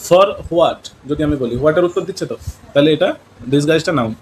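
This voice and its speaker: A man from West Bengal, India, teaches English in Bengali with his local accent, animated and fast in a high-leaning voice. He mixes in English words and quizzes his students, heard on a rough recording with slight background noise.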